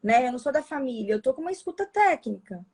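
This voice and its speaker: A woman's voice: high voice, very animated, quick pace, a little mellow, husky. A woman psychologist with a Brazilian Portuguese accent, talking in a casual conversation, hesitant, with frequent restarts.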